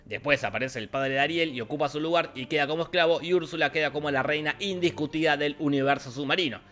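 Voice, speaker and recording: A man with a Rioplatense Spanish accent narrating a comic, slangy movie recap in a deadpan, irreverent way. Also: fairly high pitch, fast, dull audio. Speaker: host summarizing films.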